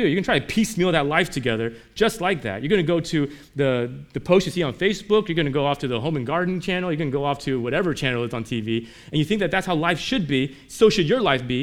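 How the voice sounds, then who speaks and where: A man preaching a sermon in a conversational way, moving between emphatic lines and quiet ones, often asking his listeners rhetorical questions. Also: on the high side, expressive, quick pace, hardly any pauses. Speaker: pastor.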